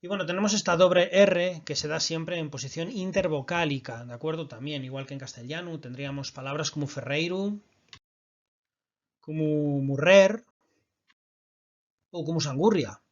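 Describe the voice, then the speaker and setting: A man's voice: a little high, brisk, hardly any pauses, dull audio. A man teaching a recorded online language lesson, explaining patiently and often checking that his listeners follow.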